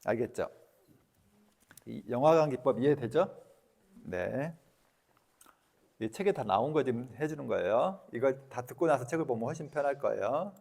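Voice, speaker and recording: A male lecturer with a mid-pitched voice that swoops up and down as he talks, throwing frequent questions at his listeners. His voice carries a long reverb tail, as if it was recorded in a large hall. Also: moderate pace, creaky, pauses often, breathy edge. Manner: animated, quizzing the audience with questions.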